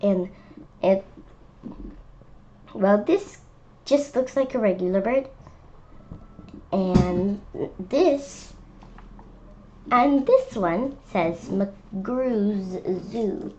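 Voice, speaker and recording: A woman with a medium-pitched, slightly mellow voice reads a children's picture book aloud slowly and haltingly, breaking off for spontaneous asides and wondering questions. The recording is dull and lo-fi, somewhat muffled, with faint noise underneath.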